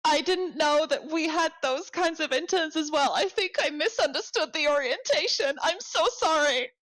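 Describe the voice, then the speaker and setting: Woman as a jittery young intern girl, high voice, rambling sorry-sorry energy. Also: steady tone, racing, natural voice. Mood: flustered. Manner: frantic, stammering apologies. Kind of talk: tabletop role-play.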